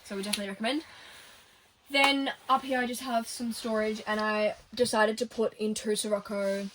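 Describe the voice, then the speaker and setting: A young woman, chatting casually as she gives a tour of her converted bus and laughs often. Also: mid-range voice. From Australia. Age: early 20s. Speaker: vlogger giving a bus tour. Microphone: camera held by her sister. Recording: camera at a distance with background noise.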